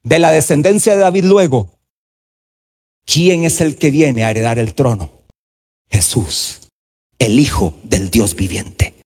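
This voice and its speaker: A man, a pastor, preaching a sermon, drawing out key words slowly and breaking into sudden shouts. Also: mid-range voice, slightly rough. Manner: preaching with emphatic swings, drawn-out stressed words and sudden shouts.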